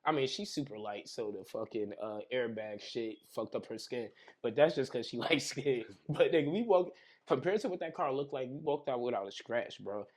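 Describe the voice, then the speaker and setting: An animated young man spins street stories in heavy slang, punching them up with sound effects like a seasoned storyteller. His voice sits at an ordinary pitch for a man. He is a guest in a relaxed conversation over drinks. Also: normal speed. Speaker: podcast guest.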